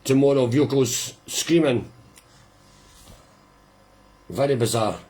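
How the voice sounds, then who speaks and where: A man hosting a live listening party, chatting casually and rambling with quiet amusement as the record plays. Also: medium pitch, takes it slowly, husky.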